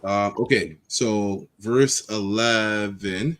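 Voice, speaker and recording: A man leading an online bible study, reading verses slowly with stumbles and explaining them in casual speech. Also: lowish voice, fairly bright tone. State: has hiccups. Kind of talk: scripture reading and preaching to an online group.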